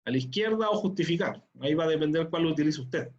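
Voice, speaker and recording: A man teaches a class, his voice sitting fairly high for a man. He explains each step patiently and keeps checking that students follow. The audio is dull and muffled, as if it came through a lo-fi call. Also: animated, fast. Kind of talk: online class instruction.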